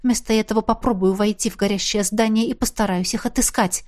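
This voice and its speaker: A woman's voice: mid-range voice, steady tone, brisk, darkish tone. A woman reading a fantasy romance audiobook in the first person, with an emotional, urgent manner. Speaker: audiobook narrator.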